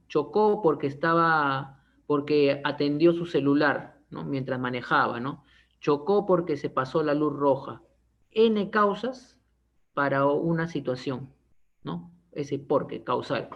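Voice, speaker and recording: A male teacher explains grammar in an online class, checking in often with quick tags and joking everyday examples. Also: on the high side, gravelly. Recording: dull lo-fi online class audio.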